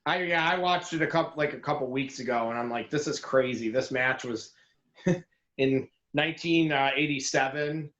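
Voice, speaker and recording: Animated, opinionated male co-host, slightly high voice, roomy lo-fi recording. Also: moderate pace. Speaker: podcast co-host. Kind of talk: casual chat. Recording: echoey, dull lo-fi sound.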